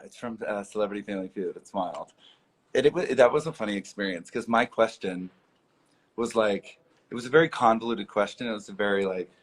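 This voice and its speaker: A man's voice: fairly low pitch, husky. A young man hosting a casual livestream chat, chatty and self-deprecating, laughing often. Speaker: livestream host. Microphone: phone livestream.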